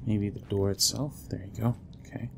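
A young adult man commentating a horror game, dropping to whispers and breaking into loud panicked yelps. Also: fairly low pitch, fairly even intonation, moderate pace, creaky, noisy background. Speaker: gamer. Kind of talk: let's play commentary.

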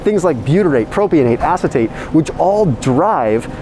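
A man talking through a face mask, casually reviewing frozen food in a supermarket aisle, animated and quick with asides. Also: a little high. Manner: animated, reads out ingredient lists with quick asides. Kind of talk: casual walkthrough vlog. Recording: noisy store background.

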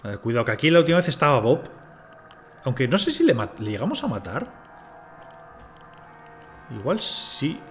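Animated man swearing at a game. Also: mid-range voice, moderate pace, pauses often, soft background music. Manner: swears a lot, talks to himself and the game. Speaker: streamer playing a game. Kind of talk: casual live gameplay commentary.

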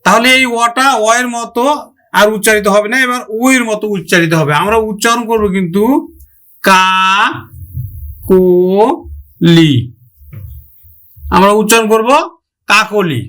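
A man's voice: high-pitched, a little fast, pushed and bright. A male teacher giving a grammar lesson, addressing students with questions and sounding out example words syllable by syllable.

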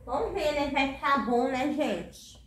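Speaking a little slowly in a high voice, a tired Brazilian woman in her thirties chats with her viewers and addresses them often while cleaning her kitchen for her home cleaning vlog. The faraway camera across the room records an echoey indoor space with slight background noise.

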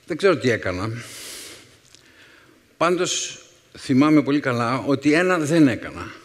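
A man in his fifties, a secondary school teacher, gives a storytelling talk to young listeners in a reverberant hall. His voice sits at an ordinary middle pitch, and he spins his memories wryly, pausing to think between phrases. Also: sing-song. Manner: anecdotal, wry, with thoughtful pauses.

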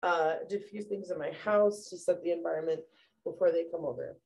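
A mother, either a young adult or middle-aged, presents essential oil products casually from her bathroom at home, chatting with many fillers and calling viewers "you guys." Her low-leaning voice is creaky and darkish, fairly quick, with fairly even intonation. The audio is poor.

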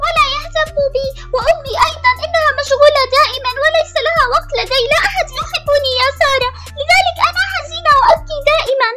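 A woman voicing a lonely schoolgirl doll who feels unloved, in a high, pleading voice. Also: racing, hardly any pauses, music in the background. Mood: sad. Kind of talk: toy doll drama voicing.

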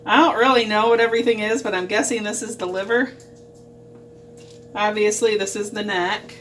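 A woman's voice: mid-range voice, steady tone, normal speed, fairly bright tone, soft background music. A woman talking casually at home as a homeschooling mother, giving plain, matter-of-fact instructions.

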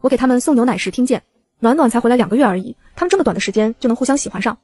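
A woman narrating a web novel audiobook in a brisk, even storytelling voice. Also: on the high side, husky, dry recording.

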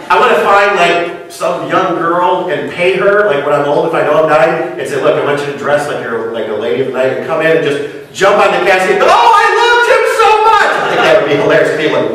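Man preaching, conversational, rhetorical questions, high voice, heavy church echo, from a distance. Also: fairly bright tone. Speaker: pastor. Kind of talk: sermon. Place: church sanctuary. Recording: echoey church hall, mic at a distance.

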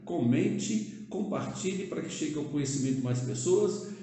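An older Brazilian man chats straight to the camera in a loose, conversational way, dropping "né?" tags and restarting his phrases. His voice is dark and mellow. It rings around a very reverberant room. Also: a little high, animated, normal speed. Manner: conversational, with frequent "né?" tags and hesitations. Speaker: vlogger proposing a civic project. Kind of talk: casual direct-to-camera talk. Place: indoor room, seated at a table. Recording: echoey room.

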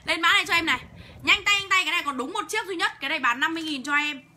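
Her very high voice is expressive, bright and forceful as she races through a livestream sales pitch. This young woman sells clothes online, hawking in a blunt manner peppered with heavy cursing.

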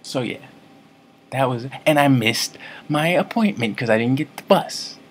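A man's voice: mid-range voice, animated, unhurried, slight background noise. A man telling a story to camera in a comic vlog, rambling, mock-serious and constantly correcting himself. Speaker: comedy vlogger.

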